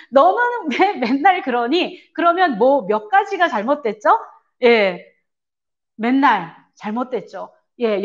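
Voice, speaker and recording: Animated woman lecturing parents. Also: a little high, muffled recording. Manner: earnest, explaining, many fillers; acts out parents' lines in a raised voice. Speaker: parenting seminar speaker. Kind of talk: church parent seminar lecture.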